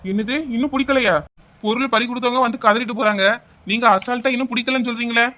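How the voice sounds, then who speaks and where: A man doing an impatient, fast-talking police inspector. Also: very high-pitched, steady tone, bright, forceful tone. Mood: annoyed scolding. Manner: brisk, scolding. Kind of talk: cartoon voice acting.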